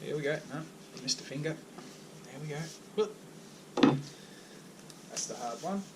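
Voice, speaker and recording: Australian man, fairly high voice, casual and jokey, coaxing someone through a paint pour over heavy background noise. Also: lively intonation, measured pace. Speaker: acrylic pour painting channel host. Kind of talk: casual chat while guiding a painting session.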